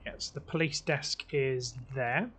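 A man's voice: mid-range voice, slow pace, fairly bright tone, slightly rough. A young man from the UK giving casual, chatty commentary as he plays, talking himself through each choice. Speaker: let's play host.

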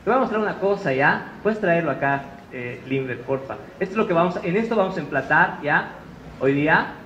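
A man with a Bolivian Spanish accent speaks as a chef at a conference, chatty and storytelling, his voice sitting a little high. He was recorded in a roomy hall. The sound is muffled, with faint noise underneath. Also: expressive, brisk, fairly bright tone. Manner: chatty storytelling, tag questions. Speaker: chef giving a talk. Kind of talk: conference talk. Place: conference room.

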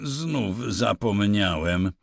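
A man voicing a slow, childlike giant. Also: lowish voice, expressive, creaky, no room sound, clean studio sound, full character voice. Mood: eager. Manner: simple, eager, slow and halting.

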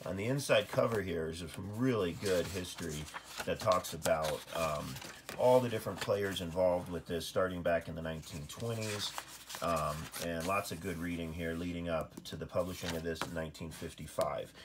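A man's voice: deep voice, normal speed, noisy background. A man giving an impromptu, casual show-and-tell at a table, thinking aloud with fillers as he goes. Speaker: code educator showing his book collection. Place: indoors at a wooden table.

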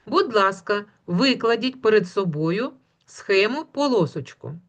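A woman teaching a phonics lesson to young children, patient and slow, drawing out the sounds and praising often. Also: medium pitch, lively intonation. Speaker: kindergarten teacher.

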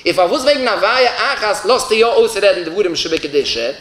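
A man's voice: high-pitched, animated, brisk, fairly bright tone. A man, a rabbi, giving a religious law lecture and explaining points by posing questions and then answering them. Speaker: rabbi teaching a Torah class. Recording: roomy echoey room.

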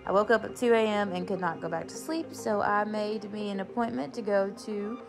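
A woman's voice: medium pitch, fairly even intonation, brisk, music in the background. A woman in her thirties, a mother, chatting casually and encouragingly as she narrates her cleaning routine, with frequent "um"s. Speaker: cleaning vlogger, mom.

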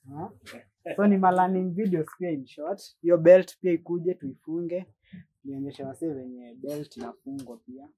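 A man's voice: on the high side, normal speed, dark tone, breathy edge. A man with a Kenyan accent chatting and demonstrating products in an informal, slangy way, switching between languages. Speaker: content creator and machine seller. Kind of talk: casual chat and product demonstration.

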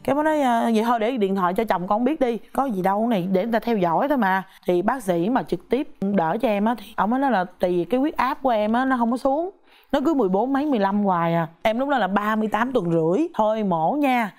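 A woman's voice: on the high side, fast talker. A young woman, animatedly telling a story on a talk show, acting out voices and laughing often. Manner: lively, laughs often, acts out quoted voices. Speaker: guest mother telling her birth story.

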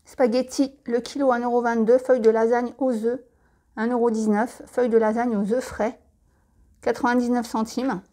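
A woman's voice: on the high side, level tone, normal speed, mellow. A French woman chatting through a supermarket catalogue, listing products and prices with friendly tips and asides. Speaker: catalogue presenter.

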